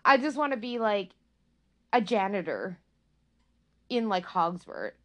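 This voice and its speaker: Giggly, lively-voiced woman chatting. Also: medium pitch, a little slow. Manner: giggly, self-deprecating. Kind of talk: casual chat.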